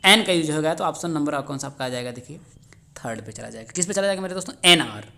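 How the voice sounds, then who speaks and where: A man's voice: a little high, lively intonation, fast talker, vocal fry, sharp tone. A friendly male tutor talks his viewers through a test paper one question at a time. He answers each question and then asks it again, rhetorically, before he confirms the answer. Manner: keeps asking the answer back as a rhetorical question. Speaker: exam-prep teacher on a video channel. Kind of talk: explaining exam answers step by step.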